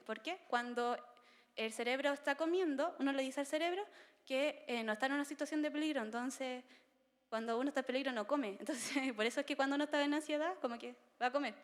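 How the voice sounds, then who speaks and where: A woman's voice: sits high, long reverb tail. A woman giving a conversational seminar talk to parents, often checking in with her listeners. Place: seminar room.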